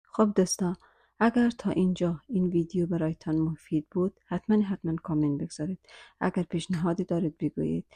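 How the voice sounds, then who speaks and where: A woman teaching English phrases, saying each phrase twice slowly and carefully, sometimes whispered, then translating briskly. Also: on the low side, dark tone, husky, no room sound. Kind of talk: language lesson, repeating phrases slowly then translating quickly.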